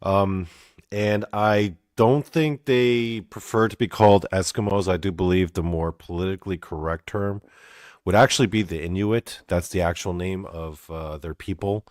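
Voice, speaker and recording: A young man from Canada hosting a comedy interview show, talking in a halting, awkward way full of fillers. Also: low voice, steady tone, a little mellow, no echo, clean studio sound. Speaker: host.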